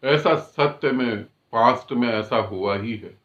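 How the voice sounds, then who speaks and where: A man, a spiritual teacher, calmly and assuredly explaining a student's meditation experience. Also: medium pitch, slow, lo-fi sound.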